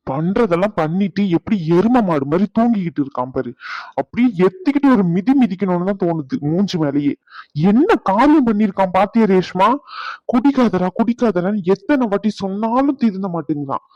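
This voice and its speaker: A man's voice: high voice, expressive, fairly quick, dark tone, no room sound. A man voicing an exasperated cartoon character grumbling angrily about a drunk. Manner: angry grumbling. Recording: slightly dull, lo-fi audio.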